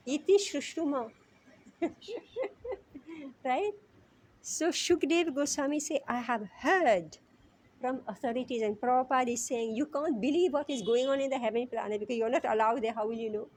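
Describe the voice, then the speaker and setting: A middle-aged woman from Mauritius leads a scripture class in a chatty, conversational way, checking in with her listeners with frequent tag questions. Her voice sits a little high, and she slows right down when she chants verses. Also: a little mellow. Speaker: class teacher.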